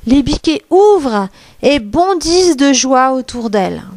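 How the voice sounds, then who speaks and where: Slow, expressive woman reading a storybook. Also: sits high, dry recording. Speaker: teacher reading a picture book. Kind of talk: storybook read-aloud for young children.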